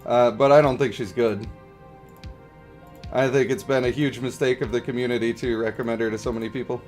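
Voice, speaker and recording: This host's mid-range voice is darkish, fairly even in intonation and a little fast. During a game livestream with background music, he casually reads and replies to comments, explaining his views and checking for agreement.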